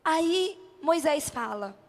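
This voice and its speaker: Slow and expressive, a high-voiced Brazilian woman preacher delivers an emphatic, impassioned sermon at a church event before a congregation. She hammers her points home with rhetorical questions and repeated short phrases, and the amplified sound echoes through a reverberant hall.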